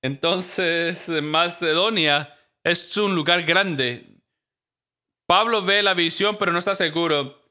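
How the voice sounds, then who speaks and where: A man preaches from a church stage with a notably bright, sharp tone and a slightly higher pitch than most men. He tells his stories with animation and slips into the voices of the people he describes. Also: takes it slowly. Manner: animated storytelling, acting out quoted voices. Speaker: pastor. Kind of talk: sermon.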